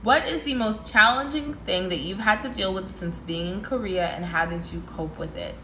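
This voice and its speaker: A woman's voice: mid-range voice, moderate pace, sharp tone, echoey room, soft background music, poor audio. A young woman from Canada with a Toronto accent, answering viewer questions in a casual, chatty vlog and laughing often. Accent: Toronto Canadian English. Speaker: vlogger.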